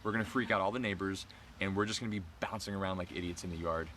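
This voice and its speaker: A man co-hosting a vlog, chatting excitedly and rambling in a casual recap. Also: low-pitched, very fast, slight background noise. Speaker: vlog co-host. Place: outdoor campground.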